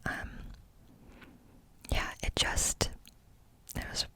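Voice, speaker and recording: A woman's voice: extremely slow, pushed and bright. A woman ASMR host telling a personal story in a confiding, candid, cupped-hand whisper, close up.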